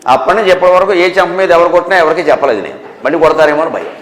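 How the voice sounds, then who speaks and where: A man's voice: a little high, rapid-fire, background noise. A man giving a spiritual discourse to an audience, scolding with rhetorical questions and wry humour. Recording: echoey hall with long reverb.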